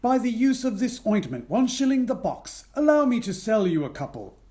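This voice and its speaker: A man plays an old father from a children's poem, cranky and full of himself. His voice sits fairly high for a man and swings widely in pitch. The delivery is pompous and theatrical. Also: big pitch swings, normal speed, dark tone. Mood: boastful. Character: cranky, boastful old father with grey locks. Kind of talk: dramatic children's poetry reading.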